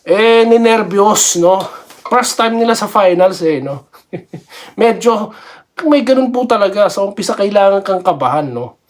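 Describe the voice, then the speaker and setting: A man's voice: high voice, very animated, normal speed. A man talking about basketball in a casual vlog, chatty, laughing often and tagging his sentences with little questions. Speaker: basketball vlogger. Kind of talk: casual sports commentary vlog.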